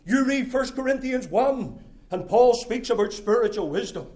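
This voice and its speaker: A middle-aged man from Scotia, preaching a sermon, emphatic and rhythmic, swinging from loud declarations to quiet asides. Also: extremely high pitch, lively intonation, normal speed. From Nova Scotia, Canada.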